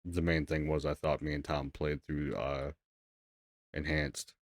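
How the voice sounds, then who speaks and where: A man's voice: rumbling low, little pitch movement, measured pace, no echo, clean studio sound. A man co-hosting a podcast in loose, casual chat, swearing freely and rambling. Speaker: podcast co-host.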